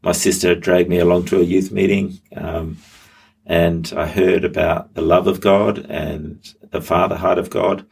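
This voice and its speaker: Low, level and a bit slow, the voice is creaky, a little mellow and slightly rough. It belongs to a middle-aged pastor from Australia who, as an interview guest, tells his story with many ums and restarts.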